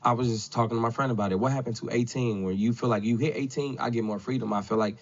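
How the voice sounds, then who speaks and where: A man's voice: medium pitch, fast. A man in his thirties, a podcast guest, talking casually and loosely with lots of filler phrases. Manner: loose and rambling, with frequent "you know what I'm saying". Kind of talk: casual conversation. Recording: dull lo-fi sound.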